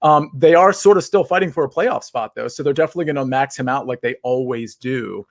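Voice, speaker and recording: A man co-hosting a sports betting podcast, talking through his picks in a wry, rambling way with plenty of "like" and "I mean." His voice sits at a middle pitch. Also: fairly quick. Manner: wry, rambling analysis with many fillers. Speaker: podcast co-host. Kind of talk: casual sports betting chat.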